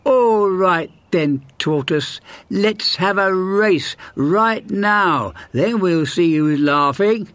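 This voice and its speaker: A man's voice: high-pitched, lively intonation, very slow, hardly any pauses, a bit bright, no room sound, pitched above the performer's own voice, exaggerated voice. A man putting on a cocky, boastful hare. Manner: brash, bragging. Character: boastful young male hare, cocky and loud.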